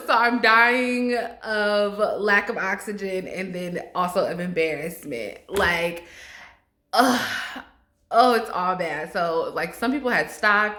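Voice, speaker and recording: A young woman telling a storytime vlog, animated and laughing often as she acts out her own panic. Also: on the low side, roomy sound. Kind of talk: casual storytime.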